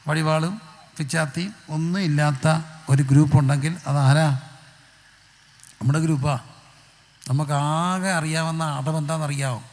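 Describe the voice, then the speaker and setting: A Malayali man preaches a lively gospel sermon to an open-air crowd and keeps asking them questions. His voice is gravelly and sits a little high. It rings out with a long, echoing tail from the loudspeakers. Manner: animated, asks the crowd questions. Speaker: pastor. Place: outdoor street gathering.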